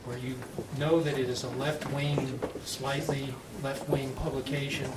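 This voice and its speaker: A male moderator with a standard American accent introduces a public panel discussion, speaking slowly, deliberately and with clear enunciation. His mid-range voice holds a level tone. He was recorded indoors in a conference panel room on a distant mic, so the sound is echoey and the room noisy.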